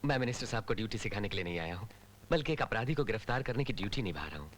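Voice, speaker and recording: A man's voice: lowish voice, lively intonation, rapid-fire, a bit bright, a little hiss or hum. A man dubbing a cheeky, righteous male police officer who tells stories playfully in a film. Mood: stern. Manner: playful storytelling, mock-respectful. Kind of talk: Hindi film dub acting.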